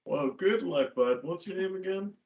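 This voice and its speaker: A man's voice: high-pitched, expressive, normal speed, darkish tone. A man playing a tabletop game in character, talking in a laid-back drawl. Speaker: player. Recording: dull lo-fi audio.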